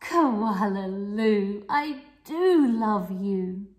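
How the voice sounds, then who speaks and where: A woman's voice: medium pitch, expressive, a little mellow. Woman doing a doting mother koala. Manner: slow, sing-song and fond. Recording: echoey room.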